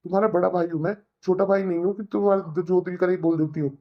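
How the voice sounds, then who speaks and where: A performer voicing an elder brother in a cartoon, calmly scolding and lecturing with a Hindi accent. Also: medium pitch, quick pace, muffled recording, lightly acted. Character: reasonable elder brother, young married man. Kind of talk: cartoon voice acting.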